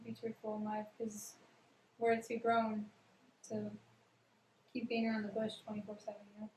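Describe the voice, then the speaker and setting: A woman's voice: medium pitch, completely flat delivery, normal speed, darkish tone. A woman guest in a casual podcast chat, talking in a chatty, agreeable way and laughing easily. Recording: roomy echo with faint room noise.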